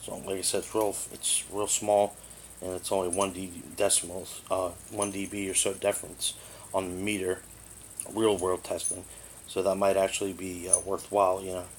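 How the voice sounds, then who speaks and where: A low-voiced man with little pitch movement speaks at a normal speed, rambling through a casual, matter-of-fact hands-on product review. He's in a living room, and the noisy amateur recording comes from a tablet's built-in microphone.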